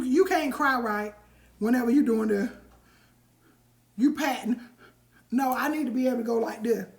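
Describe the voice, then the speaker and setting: A woman hosting a live stream, giving an emphatic, preachy motivational talk and addressing viewers directly with endearments. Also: a little high.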